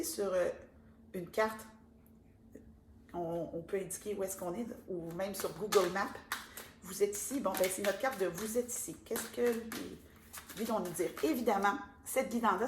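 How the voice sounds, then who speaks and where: A woman with a Québécois accent giving a casual oracle card reading, chatty and gentle, with many fillers. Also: medium pitch, normal speed. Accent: Québécois French. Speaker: card reader and spiritual guide. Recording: echoey room with faint ambient noise.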